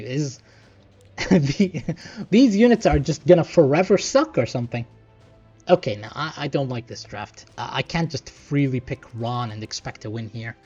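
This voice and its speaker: A man's voice: mid-range voice, a little mellow, slightly rough. A man doing casual game commentary, thinking aloud and muttering asides as he plays. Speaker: gaming streamer. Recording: dull lo-fi sound, music behind. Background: game music.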